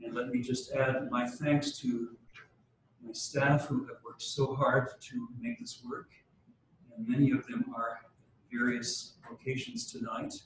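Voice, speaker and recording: A man addresses a church gathering in a measured, formal way and then leads a prayer, now and then catching himself in small halting restarts. His mid-range voice sits well away from the microphone and is swallowed by a deep cathedral echo. A faint room ambience sits beneath it. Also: flat delivery, fairly bright tone, slight background noise. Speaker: church leader opening a diocesan meeting. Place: large church hall. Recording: cavernous church echo from a distant mic.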